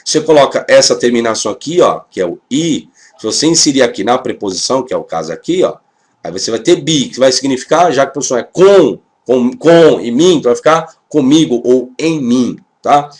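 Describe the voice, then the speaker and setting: A man's voice: medium pitch, lively intonation, fairly quick. Brazilian Portuguese male teacher, casual, walks through grammar point by point, checking in often. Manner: explains step by step, often adding "tá?". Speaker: Hebrew teacher. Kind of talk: casual classroom explanation.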